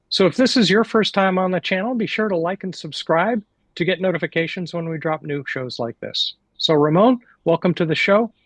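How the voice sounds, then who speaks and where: A male podcast host with a notably high voice, recorded dry and close. He introduces his guest and asks questions in a friendly, encouraging manner. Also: a bit bright, no room sound. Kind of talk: podcast interview hosting.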